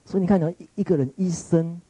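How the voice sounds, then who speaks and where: Male Taiwanese Mandarin lecturer, dark husky voice, dry close sound, rambling reflective storytelling. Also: high-pitched, fast talker, dry recording, low-quality recording. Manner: musing, searching for words, frequent restarts.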